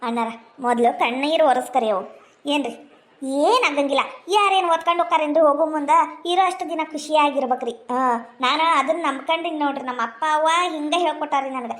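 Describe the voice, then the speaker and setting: A woman's voice: high-pitched, fast talker. A middle-aged woman with a North Karnataka accent, chatting and scolding in a homely way as a housewife in a comedy sketch. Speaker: village housewife in a comedy skit.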